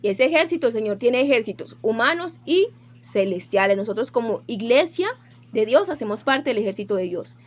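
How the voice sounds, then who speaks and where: A woman preaching a sermon. She teaches with rhetorical questions and reads scripture slowly and carefully. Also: fairly high pitch, animated. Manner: slow, measured when reading scripture. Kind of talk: sermon with Bible reading.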